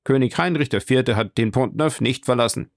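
A man doing an eager young vicomte, higher and louder. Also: normal speed, no room sound, studio quality, lightly acted.

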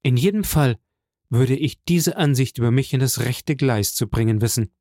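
A man's voice: mid-range voice, normal speed, mellow, no room sound, studio quality, close to an everyday voice. A man voicing a proud young nobleman in an audiobook, speaking in a firm, declamatory way. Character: proud young nobleman defending his honor.

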